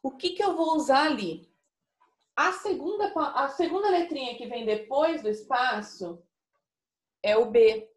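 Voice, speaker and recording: A woman teacher with a Brazilian Portuguese accent giving a recorded lesson to young pupils, explaining slowly and patiently and often checking that they follow. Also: high-pitched. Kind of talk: recorded remote class lesson. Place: classroom with a whiteboard. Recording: echoey room.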